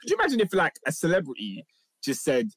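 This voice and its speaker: A man with a London accent gives opinionated, casual banter, hammering points by repeating them. The voice is somewhat high, recorded close and dry. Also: huge pitch swings, fast talker, no room sound. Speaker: podcast co-host, football fan.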